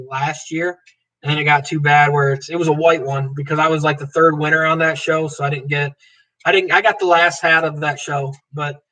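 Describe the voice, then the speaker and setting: The recording quality is low, carrying a fairly high, somewhat bright male voice. He's hosting a live stream, casually joking as he reads comments aloud and responds to viewers by name.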